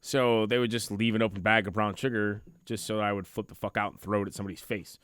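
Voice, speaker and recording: A man's voice: fairly low pitch, steady tone, fast talker, a bit bright, clear, resonant tone, dry recording, clean studio sound. A man co-hosting a podcast, ranting in a blunt, exasperated, profane way. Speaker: podcast co-host. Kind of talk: casual chat. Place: home room with cats nearby.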